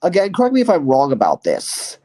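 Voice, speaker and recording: A man's voice: on the high side, huge pitch swings, fairly quick, mellow. A man hosting his own channel, talking through his year and reviewing movies in a casual, rambling way, hedging often and trailing off. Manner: rambling and hesitant, full of "you know" and "I guess". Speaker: channel host.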